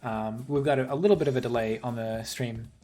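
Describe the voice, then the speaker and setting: A man with a Canadian accent hosts a casual livestream, interviewing game developers in a chatty, reassuring manner. His mid-range voice is brisk and warm.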